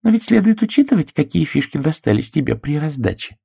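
A man reading an audiobook, voicing a meek, placid older spinster who speaks in a mild, soothing way, pitched high. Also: very animated, fairly quick, creaky, warm tone, slightly rough, dry recording, studio quality, full character voice.

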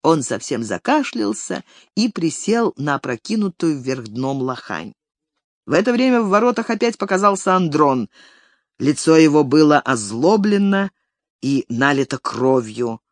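A narrator reading a classic literary story aloud in an expressive audiobook style. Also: mid-range voice, unhurried, no echo. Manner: expressive, varied intonation.

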